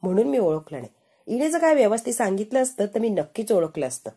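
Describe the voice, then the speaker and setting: A woman's voice: mid-range voice, big pitch swings, a little fast, dark tone, husky. Woman reading a stubborn, defensive young husband. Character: stubborn young husband who won't admit he lost.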